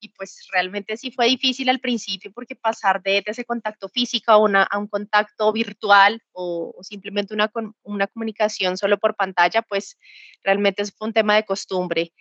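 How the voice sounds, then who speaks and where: This is a woman in her thirties with a Bogotá Colombian accent, answering interview questions in a halting way full of fillers and restarts. Her voice comes through dry and muffled, like dull lo-fi remote audio. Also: medium pitch, steady tone, a bit bright, dry recording. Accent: Bogotá Colombian Spanish. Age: 30s. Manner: hesitant, many fillers and restarts. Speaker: guest. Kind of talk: conversational interview.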